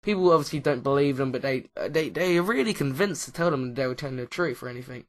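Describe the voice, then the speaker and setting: A man's voice: medium pitch, lively intonation, fast talker. A man talking casually over his Minecraft footage as a YouTuber, hesitant and full of uh and um fillers, often losing track mid-sentence. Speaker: YouTuber, Minecraft Let's Player. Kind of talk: casual commentary over gameplay.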